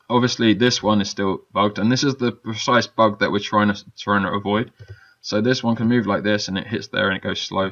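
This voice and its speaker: Low, chatty man with a dull lo-fi sound. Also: gravelly, fairly bright tone. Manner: chatty, loose, many fillers and check-in "yeah?"s. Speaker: game development teacher. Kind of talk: casual screen-recorded software tutorial.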